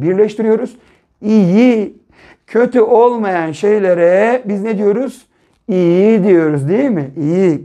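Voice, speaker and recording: A patient male primary school teacher leads young children through a reading lesson, sounding out syllables one at a time before blending them into words. His voice is mellow and soft-edged, and he often closes a point with a gentle checking question. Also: high-pitched.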